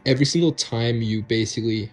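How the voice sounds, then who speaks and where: A man's voice: mid-range voice, fast, soft background music. A man presenting a vlog as host, speaking in an informal, enthusiastic, slangy way. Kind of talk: casual vlog presenting and narration.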